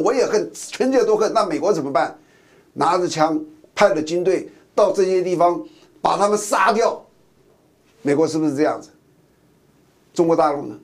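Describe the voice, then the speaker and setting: Older man, ex-navy commentator; gravelly, rhetorical, pressing. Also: sits high, darkish tone. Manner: emphatic, rhetorical questions, colloquial. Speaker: former navy captain, commentator. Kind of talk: talk-show commentary to camera.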